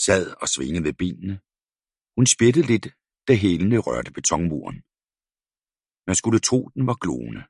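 A man reading a children's novel aloud as an audiobook narrator, in a calm, measured storytelling way. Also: a bass voice, creaky, slightly rough, no room sound. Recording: dry close studio sound.

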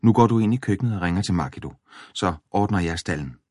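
A man's voice: low-pitched, lively intonation, husky, dry recording, studio quality. A man reading the part of a practical farm worker who gives firm, urgent instructions. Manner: firm, commanding.

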